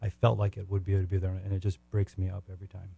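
An American man appears as a podcast guest, offering earnest, devout testimony and prayer in halting phrases with repeated words. His low-pitched voice is monotone, mellow and full of vocal fry, and the audio sounds dull.

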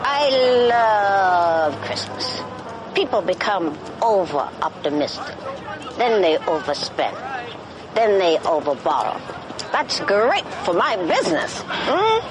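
A ruthless older woman banker in a TV drama. She is curt and scornful, with lively swings of pitch, over a noisy film soundtrack with street ambience. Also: slow pace. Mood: sardonic. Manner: curt, sardonic, cutting.

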